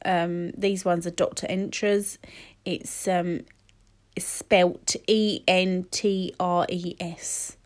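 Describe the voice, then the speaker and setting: A woman's voice: on the low side, level tone, slow pace. A woman, chatting casually and rambling with many fillers while sniffly from a cold. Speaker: podcast host. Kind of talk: casual solo chat.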